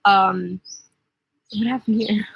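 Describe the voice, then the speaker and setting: A woman's voice: mid-range voice, fairly even intonation, slow, gravelly, slightly rough, dry recording, dull audio. A young woman from Singapore and Germany co-hosting a casual live stream; she thanks viewers often and gives friendly advice. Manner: warm, grateful, laughs often, gives advice. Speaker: co-host of a travel channel.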